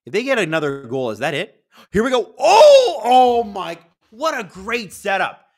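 A booming-voiced man in his thirties hosts a casual live watch-along from a studio at normal speed. He chats with viewers as a livestream host and breaks into excited play-by-play.

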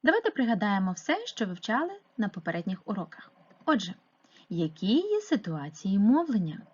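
A woman's voice: medium pitch, sing-song, normal speed, darkish tone, breathy edge, muffled recording. A woman teaching a primary school class remotely, explaining step by step and asking patient questions. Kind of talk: remote lesson narration.

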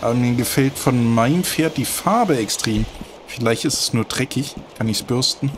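A man hosting a let's play gives casual, chatty gameplay commentary, talking to the horses and bursting into frustrated cursing. His mid-range voice moves at a moderate pace over a noisy background, with loud game audio of horses and hooves behind him.

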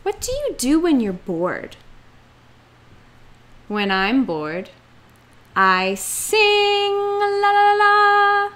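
A young woman teaching children English, speaking slowly and playfully and acting out each feeling. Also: mid-range voice, wildly swooping pitch, a bit bright. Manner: slow, exaggerated, playful delivery with acted-out feelings. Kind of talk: slow, expressive children's lesson.

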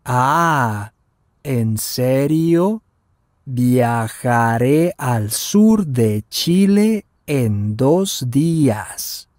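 This voice actor plays Daniel, an inquisitive twenty-something traveler, reading a language lesson dialogue carefully at slow and normal speeds. He speaks very slowly in a mid-range, darkish voice with lively intonation. The recording is dry and studio-grade.

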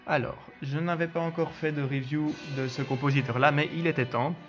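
A man hosting a casual spoken review of his collection, relaxed and hesitant, with frequent fillers and restarts. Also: fairly high pitch, brisk, soft background music.

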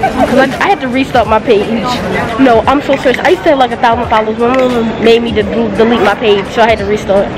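A woman's voice: a little high, fast talker, a loud crowd, low-quality recording. A young woman, the vlogger's cousin, joking and teasing in a playful, insistent way while out shopping. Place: busy shopping mall.

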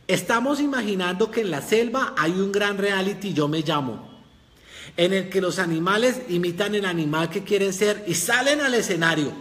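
Lively high-voiced man teaching. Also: in a large hall. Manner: lively, reads out viewers' comments. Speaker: communication course instructor. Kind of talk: live online class.

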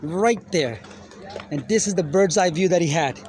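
A middle-aged man giving an excited, casual vlog commentary, exclaiming and repeating his phrases. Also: fairly high pitch, moderate pace. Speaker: vlogger. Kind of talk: excited casual phone vlog, switching between two languages. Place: large outdoor stadium at night. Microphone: handheld phone. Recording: noisy phone recording, loud stadium crowd.

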